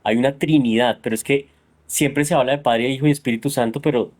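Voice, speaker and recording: A man's voice: medium pitch, steady tone, a little fast, a little mellow. A man with a Colombian accent explaining his ideas at length in a reflective conversation. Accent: Colombian Spanish. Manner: explanatory, thinks aloud. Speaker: psychologist host.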